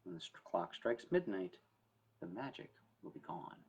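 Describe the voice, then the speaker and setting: A deep, darkish male voice with a breathy edge sounds very animated at a moderate pace, though the audio is dull. He's an estate planning attorney hosting a story time talk, speaking to camera informally and with emphasis as he explains things.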